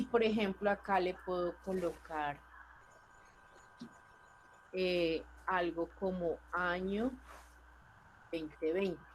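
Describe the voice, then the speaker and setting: A woman's voice: mid-range voice, a little hiss or hum, low-quality recording. A woman teacher, walking a class through charts in a patient, question-checking way over a computer mic. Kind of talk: online class explaining spreadsheet charts.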